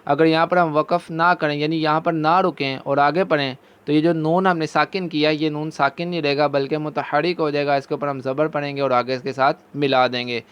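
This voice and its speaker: Smooth-voiced man teaching Quran recitation. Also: on the high side, fairly even intonation, fairly bright tone. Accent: Pakistani Urdu. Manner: slow drawn-out chanting of verses between brisk explanations. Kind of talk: recitation lesson.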